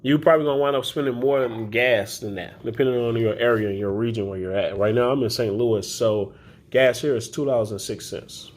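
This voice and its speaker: A man's voice: mid-range voice, a little fast. A man talking casually to camera in a loose, chatty, rambling way with many fillers, recorded as a phone video. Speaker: grocery delivery shopper vlogger. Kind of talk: casual vlog talk to camera.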